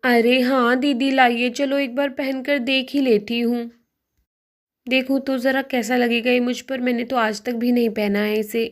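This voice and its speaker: A woman's voice: on the high side, little pitch movement, normal speed, lightly acted. A woman voicing a cheerful younger sister-in-law in a doll story, chatty and teasing toward her elder.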